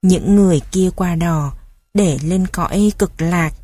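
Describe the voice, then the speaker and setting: A woman voicing a stern but caring old grandfather who speaks gravely and with authority. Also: fairly low pitch, a little slow, no echo. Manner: grave, commanding, gentle with children.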